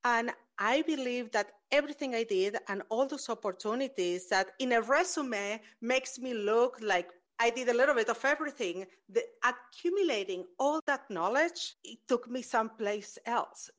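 A woman's voice: on the high side, normal speed, hardly any pauses. A woman hosting an interview, English is not her first language, speaking in an earnest, reflective way. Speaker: host. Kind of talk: interview conversation.

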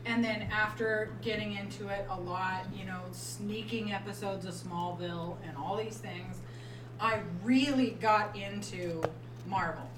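A woman's voice: medium pitch, measured pace. A woman telling personal stories in a casual, bantering group chat, often acting out what she said. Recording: roomy echo, distant mic, clear background noise.

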